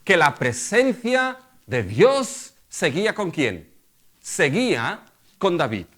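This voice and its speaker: A man's voice: fairly high pitch, big pitch swings, slow, fairly bright tone. A middle-aged male pastor delivering a sermon. He keeps asking the congregation rhetorical questions and addressing them as brothers.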